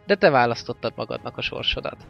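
A man voicing a smug, scheming male orc lieutenant who talks in a deferential, smooth way, on a slightly dull recording with faint music. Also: mid-range voice, animated.

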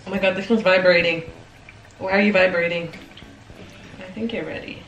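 Filmed by a counter-mounted camera in her small home kitchen, this young vlogger chats casually and mocks herself as she cooks. Her voice sits on the low side with a steady, fairly bright tone and moderate pace, and she comes across as bubbly and chatty. The sound is reverberant with the highs cut off, and soft music plays in the background.

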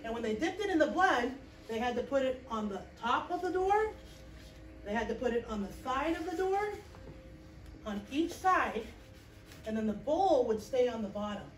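A woman with a high voice tells a Bible story to children, acting it out with big energy and checking in with the kids as she goes. She is middle-aged. The sound comes from a far camera in a small classroom, roomy and echoey, with a faint hiss underneath. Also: normal speed, faint music behind. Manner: lively, acts out the story with gestures, checks in with "okay?". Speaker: children's chapel teacher. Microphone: far camera, no visible mic. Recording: roomy echo, distant camera.

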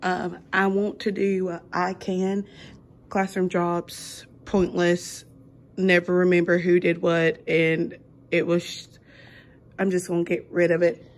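A woman's voice: lowish voice, monotone, slow. A young adult woman, a kindergarten teacher, chatting casually to her camera in a rambling way with lots of ums and restarts. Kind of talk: casual vlog chat.

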